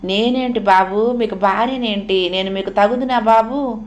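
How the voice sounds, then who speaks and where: A woman's voice: medium pitch, lightly acted. A woman voicing a humble young maid and new bride who pleads through tears in a storybook reading. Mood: pleading, tearful. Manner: pleading, sobbing, slow.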